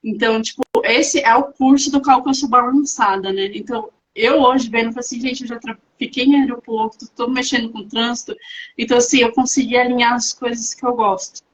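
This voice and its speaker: A young adult woman with a Brazilian accent, a doctoral student talking fast and animatedly as a podcast guest. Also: a little high, steady tone. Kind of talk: casual podcast chat. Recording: dull lo-fi sound.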